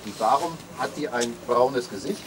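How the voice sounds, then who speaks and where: An older man outdoors on a street asks children questions, holding a handheld mic out to them and gently prompting them. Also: mid-range voice, normal speed, noisy background. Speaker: interviewer at a ceremony. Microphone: handheld mic held out to others.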